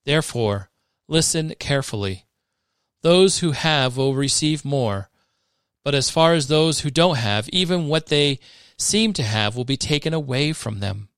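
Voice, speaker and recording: A man giving a measured, expressive scripted reading of scripture for a podcast. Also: medium pitch, smooth, no room sound, clean studio sound. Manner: measured, expressive reading that rises for dramatic moments. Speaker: scripture reader.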